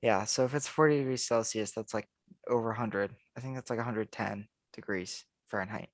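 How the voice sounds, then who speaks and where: A man's voice: lowish voice, fairly even intonation, brisk, no echo, studio quality. A man co-hosting a casual podcast, musing aloud and often restarting his sentences. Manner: rambling, thinks aloud with restarts. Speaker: podcast co-host. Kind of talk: casual chat.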